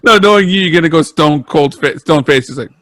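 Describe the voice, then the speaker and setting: Young man, podcast co-host, dramatic rants, heavy swearing, slightly high voice, dry sound. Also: fairly quick, fairly bright tone, dry recording. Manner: profane, ranting and dramatic. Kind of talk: casual chat.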